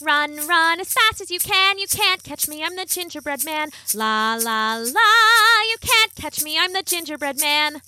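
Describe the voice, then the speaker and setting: A woman's voice: sits high, animated, fairly quick, sharp tone, soft background music, voice pushed up. A woman voicing a cocky little gingerbread cookie man who taunts in a sing-song chant. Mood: taunting.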